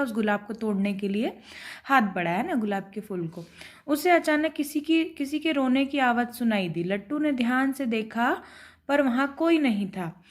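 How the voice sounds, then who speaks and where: Patient woman teacher explaining a story. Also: on the high side. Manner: repeats each question and answer, tag "है ना" often. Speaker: primary school teacher. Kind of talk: recorded class lesson.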